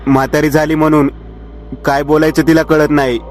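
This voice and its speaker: A man voicing a gentle, motherly aunt who consoles her nephew. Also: on the high side, flat delivery, brisk, slight background noise, natural voice. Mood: soothing. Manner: soothing, consoling.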